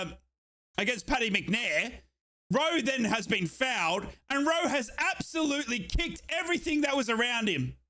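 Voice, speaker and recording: A young Australian man with a very high-pitched voice excitedly commentates football live on a watchalong stream. He shouts and repeats himself as his voice goes hoarse.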